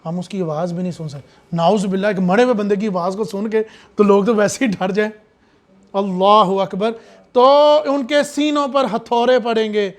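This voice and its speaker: High-voiced impassioned male preacher. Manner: impassioned, rhetorical questions, swings from hushed to loud. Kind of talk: sermon.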